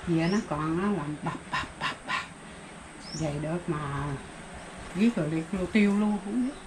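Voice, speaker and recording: At normal speed and with a lowish voice, an older woman from the south of Vietnam, judging by her accent, tells a rambling rural story casually. She uses plain language and many exclamations while noticeable background noise runs underneath.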